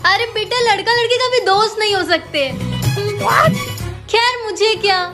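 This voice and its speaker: एक महिला द्वारा निभाई गई चुगलखोर aunty. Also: female voice, very high voice, measured pace, over loud music. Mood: gossipy. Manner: gossipy, insinuating. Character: nosy gossiping middle-aged neighborhood aunty.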